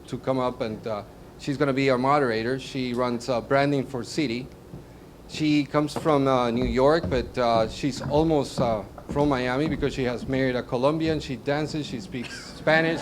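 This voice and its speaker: Guy opening a meetup panel on a stage mic, stop-start talk, faint hiss behind. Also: mid-range voice. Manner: halting, many restarts and fillers. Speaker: event host introducing a panel. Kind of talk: live event introduction. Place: meetup event venue.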